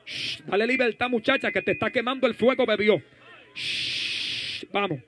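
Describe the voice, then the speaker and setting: A male pastor leading a fervent deliverance prayer, commanding and hushing the crowd by turns. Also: very high voice, quick pace, slight background noise. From Dominican Republic. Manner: fervent, commanding, shouting and hushing, speaks in tongues. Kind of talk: deliverance prayer and prophecy at a service.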